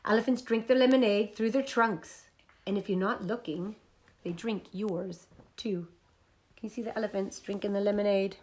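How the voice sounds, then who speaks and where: A woman leading a toddler group, coaxing the children through songs and movement games and reading them picture books in an animated sing-song voice. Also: mid-range voice, normal speed. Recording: echoey room.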